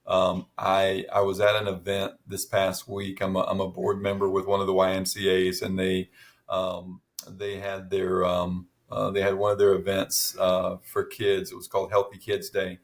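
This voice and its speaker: A man's voice: low-pitched, completely flat delivery, normal speed. A middle-aged man in casual chat as podcast co-host, telling stories with many restarts and fillers.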